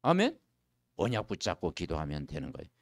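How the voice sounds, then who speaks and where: Man preaching in church, bouncy pitch, dry close sound, slows way down for the bible bits. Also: wildly swooping pitch, no room sound. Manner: emphatic call-and-response preaching with rhetorical questions; slow, declaiming scripture reading. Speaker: pastor. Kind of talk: sermon.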